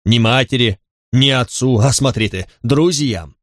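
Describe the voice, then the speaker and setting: A man's voice: medium pitch, measured pace, a bit bright, dry recording, clean studio sound. A man voicing a brutal, scornful Roman centurion. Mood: mocking. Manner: barking, contemptuous. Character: brutal scornful male centurion drill instructor.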